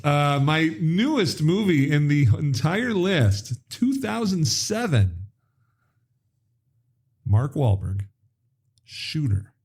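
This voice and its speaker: A man's voice: a little high, sing-song, slow pace, long pauses, a little mellow, husky. A middle-aged man co-hosting a podcast, telling stories with enthusiasm in casual chat. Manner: enthusiastic storyteller. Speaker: podcast co-host.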